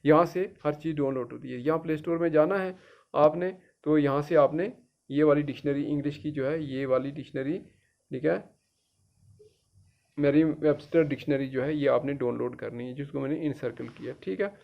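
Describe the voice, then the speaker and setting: A gravelly, slightly high-voiced middle-aged man from Jammu and Kashmir walks his students through a tutorial one step at a time. He talks patiently and repeats himself, checking often that they follow. The recording sounds dull and lo-fi. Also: steady tone, moderate pace. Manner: patient, repetitive, keeps checking with "theek hai". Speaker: teacher. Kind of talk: screen-guided tutorial.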